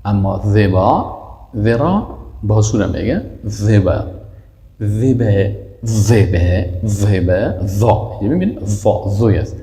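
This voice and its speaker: A man teaching Arabic pronunciation, repeating each word slowly and emphatically and quizzing his listeners. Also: lowish voice, sing-song, creaky, dark tone, reverberant. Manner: repeats words slowly and emphatically, asks and answers his own questions. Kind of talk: language lesson, drilling pronunciation.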